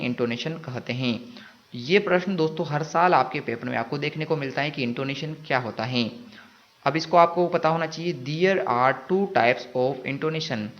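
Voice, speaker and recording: A man's voice: fairly high pitch, fairly bright tone. A man teaching an exam-prep class, reading each English phrase and then explaining it in Hindi, often asking a question and answering it himself. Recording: dull lo-fi audio.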